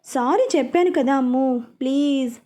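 A woman's voice: sits high, moderate pace, warm tone, close to an everyday voice. A woman voicing a teasing, loving young man. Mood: tender. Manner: coaxing, apologetic.

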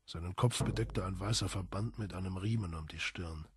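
A male audiobook narrator reads literary prose in a deep, very husky voice. His delivery is solemn and measured, with dramatic emphasis, and the recording is dry with no room sound.

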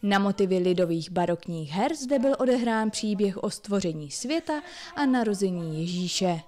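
A woman's voice: medium pitch, lively intonation, darkish tone. A woman reporter reading scripted narration for a regional television news report.

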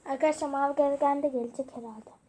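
A woman's voice: sits high, fairly even intonation, quick pace, dark tone, slight background noise. A young woman casually commenting as she plays a game, chatting playfully to her viewers and the characters. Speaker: gaming video creator.

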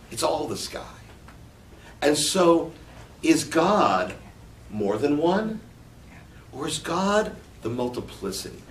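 A man teaching from scripture in a slow, reflective way, explaining the meaning of Hebrew words. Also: medium pitch. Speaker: Bible teacher. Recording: echoey room, mic at a distance, faint background noise.

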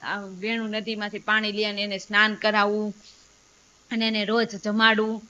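A woman's voice: medium pitch, level tone, moderate pace, sharp tone, dull audio. A woman telling a devotional story, acting out the voices of its characters as she goes. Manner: storytelling with quoted dialogue. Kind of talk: religious story narration.

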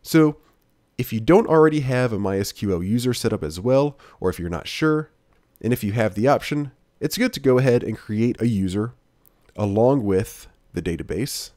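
A man narrating a software tutorial screencast as instructor, in a steady, plain-spoken, explanatory way. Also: on the low side, moderate pace, no room sound, clean studio sound.

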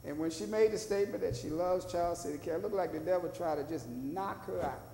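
A man's voice: high voice, fast, gravelly, mellow, a little hiss or hum. An older man preaching a sermon from the pulpit in a small church, drawing answers from the congregation and rising to fervent emphasis. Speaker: pastor. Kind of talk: sermon with call and response. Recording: echoey church hall.

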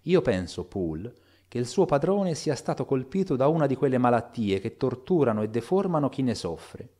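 A man reading as a measured, dutiful lawyer. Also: mid-range voice, very animated, warm tone. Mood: reasoning. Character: cautious middle-aged male lawyer, reasoned and dutiful.

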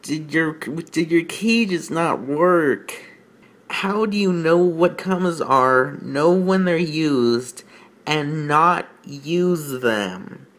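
A man with a slightly high, somewhat bright voice hosts a fan fiction reading, tossing out mocking off-the-cuff commentary. He sounds exasperated and incredulous, halting and repeating himself in stammers.

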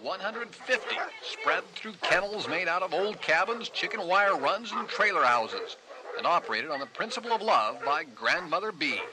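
A man narrating a television feature as a field reporter, measured and wry. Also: high voice, sing-song, background noise. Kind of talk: scripted narration.

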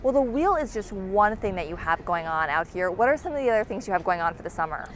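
A woman's voice: medium pitch, lively intonation, fast talker, a little hiss or hum. A woman hosts a television travel segment outdoors, asking eager questions of a guest on a waterfront plaza. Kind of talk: television interview.

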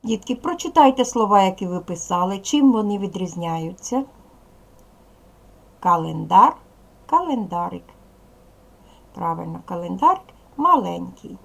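A woman with a Ukrainian accent, a primary school teacher giving a recorded lesson to young children in slow, clear instructions. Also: mid-range voice, very animated.

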